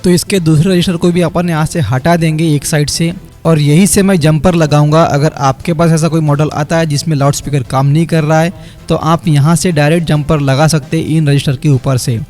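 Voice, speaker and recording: A phone repair technician with a fairly high, brisk voice and even intonation walks viewers through a repair step by step, talking to them like friends. Light background music plays quietly beneath his voice-over.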